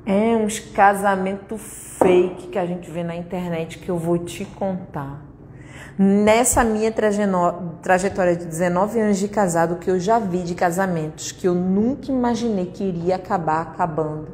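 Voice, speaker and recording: A woman's voice: fairly low pitch, moderate pace, darkish tone. A woman in her thirties with a Brazilian accent, giving a blunt, emphatic and repetitive motivational talk at a conference. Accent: Brazilian Portuguese. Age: 30s. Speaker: conference speaker. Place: conference hall. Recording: echoey hall, faint noise.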